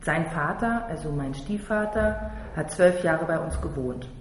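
A man's voice: on the high side, a little slow. A man from Berlin reading a first-person story aloud in a blunt, slangy, tough-talking way. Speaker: narrator. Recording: roomy hall reverb, faint noise.

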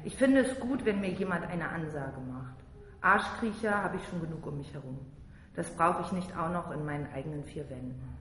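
A woman's voice: low-pitched, animated, normal speed, a bit bright, slight background noise. A woman reading a crude first-person memoir aloud in a blunt manner. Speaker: reader. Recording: roomy long reverb with faint ambience.

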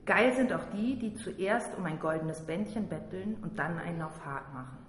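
Woman reader, low-ish voice, blunt memoir reading, echoey hall. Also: normal speed. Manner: blunt, crude first-person reading. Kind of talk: reading a first-person memoir aloud. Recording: roomy long reverb with faint ambience.

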